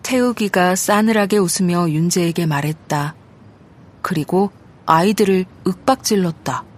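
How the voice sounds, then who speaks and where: A woman reading an audiobook story aloud in a steady, measured narration. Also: on the low side. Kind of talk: scripted narration.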